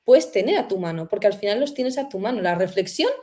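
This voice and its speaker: Animated and fast-talking, this female host reflects aloud through a conversational interview, using many fillers and rhetorical questions. Her voice is mid-range and mellow.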